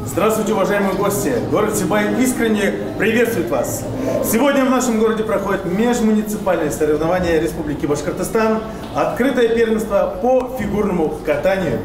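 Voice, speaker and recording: High-pitched man announcing over a PA system. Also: animated, fairly quick. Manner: bright, declamatory announcer delivery. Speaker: arena announcer. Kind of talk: formal welcome announcement. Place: indoor ice arena. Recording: distant, echoey PA with noise.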